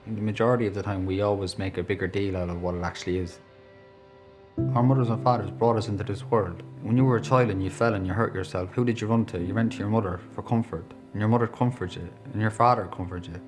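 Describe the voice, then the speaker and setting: A man's voice: on the low side, fairly even intonation, fast, faint music behind. A man with an Irish accent, reflecting candidly on his life in a documentary interview. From Ireland.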